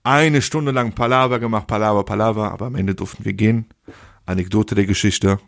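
A man's voice: fairly low pitch, brisk, creaky, no echo, studio quality. A man co-hosting a casual podcast, telling an anecdote in slangy speech and acting out the voices of the people in it. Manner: slangy, animated storyteller acting out dialogue. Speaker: podcast co-host. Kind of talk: casual chat, anecdote storytelling.

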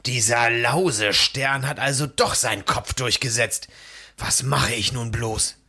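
A man's voice: mid-range voice, steady tone, unhurried, bright, forceful tone, exaggerated voice. A man voicing Petronius, a stern old cloud keeper who grumbles. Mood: grumbling. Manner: grumbling, gravelly.

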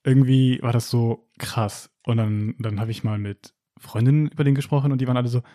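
Young man telling a story, mellow voice. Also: medium pitch, a little fast. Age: young adult. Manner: animated storytelling, acting out quoted lines; slangy, laughs often. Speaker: guest telling a personal story. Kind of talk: casual chat.

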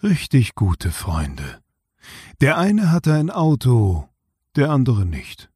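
A man co-hosting a podcast, reading a short story aloud in a measured, unhurried way. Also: medium pitch, wildly swooping pitch, mellow, slightly rough, no echo, clean studio sound. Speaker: podcast co-host.

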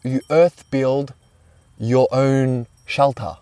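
A man's voice: mid-range voice, fairly even intonation, extremely slow, warm tone, no echo, far from the mic. A man, the guest, telling a rambling personal story in casual talk, swearing freely and using many fillers.

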